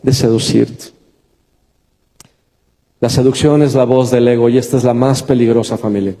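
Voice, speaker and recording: Male Mexican pastor, warm and slightly high, sermon with a story, big church reverb. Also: fairly even intonation, normal speed. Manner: storytelling, talks to the congregation directly. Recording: long reverb of a large church.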